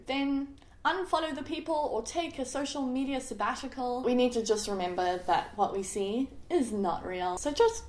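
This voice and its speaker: A woman's voice: a little high, a little mellow. Chatty young woman vlogger, roomy echo. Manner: chatty, self-mocking, laughs often. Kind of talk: casual confessional vlog.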